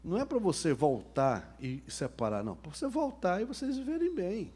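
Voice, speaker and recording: Husky pastor joking through a sermon. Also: male voice, high-pitched, big pitch swings, normal speed, mellow. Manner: humorous, colloquial storytelling.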